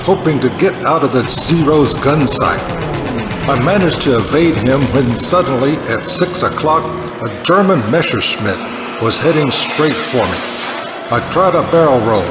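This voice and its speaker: An actor playing a brooding, melodramatic war-veteran pilot hero in a 1950s sci-fi parody. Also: male voice, medium pitch, close to an everyday voice. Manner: overwrought, brooding, dramatic storytelling. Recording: echoey hall, clearly noisy.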